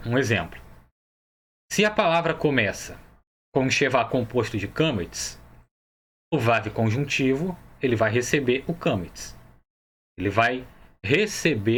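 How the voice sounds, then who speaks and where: A man's voice: mid-range voice, a bit bright, slight background noise. A man with a Brazilian Portuguese accent teaching a Hebrew grammar lesson, explaining each step patiently and often checking that the viewer follows.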